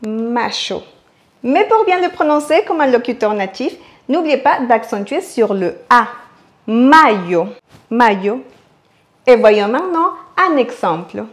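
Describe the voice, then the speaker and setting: A woman giving a scripted language lesson, slowly sounding out words and repeating them for practice. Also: high-pitched. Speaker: Spanish teacher.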